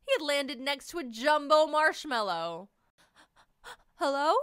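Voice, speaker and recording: A high-pitched woman hosts a reading of a children's storybook, narrating a script expressively and stretching out key words for dramatic emphasis. The recording is studio quality with no echo.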